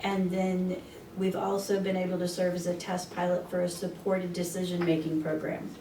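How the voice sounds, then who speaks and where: A woman attorney explaining things over a video call, her voice fading in and out as she answers questions with halting restarts. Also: on the low side, completely flat delivery, a crowd in the background. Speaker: attorney giving a presentation. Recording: echoey, distant call audio with faint noise.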